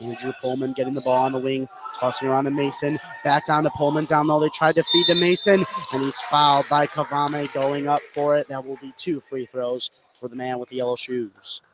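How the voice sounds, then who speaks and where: Calling basketball for radio from the sidelines of a high school gym, this man speaks at medium pitch in a flat way, moving fairly quickly with almost no pauses. Loud gym noise fills the background of the live broadcast.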